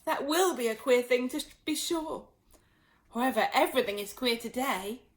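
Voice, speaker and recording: A woman's voice: high-pitched, expressive, moderate pace. A woman voicing a polite, chatty, curious little girl in a storybook, earnest and eager in manner. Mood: rueful.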